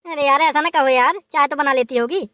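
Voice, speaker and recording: A woman's voice: sits high, fairly quick, a bit bright, slight background noise. A woman voicing a boastful, broke young groom in a comic cartoon, coaxing and breezy as he talks his way out of things.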